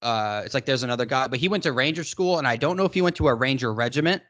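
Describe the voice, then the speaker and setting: A man in his late twenties from Massachusetts, United States, co-hosts a podcast, offering rambling, emphatic opinions in a casual discussion. His voice is mid-range, expressive and a bit bright, and he talks very fast.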